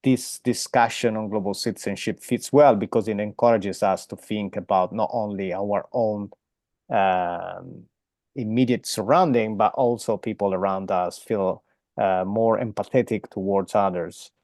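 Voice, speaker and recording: Low, mellow-voiced male interviewer. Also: dry recording, clean studio sound. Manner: measured, hesitant with many fillers. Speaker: interview host. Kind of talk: academic interview.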